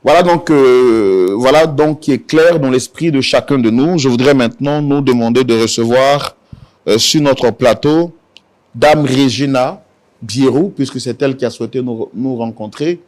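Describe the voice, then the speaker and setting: Measured, lower-voiced male talk show host. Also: a little mellow. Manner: formal, measured, with frequent "euh" pauses. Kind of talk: hosting a studio talk show. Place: TV studio set.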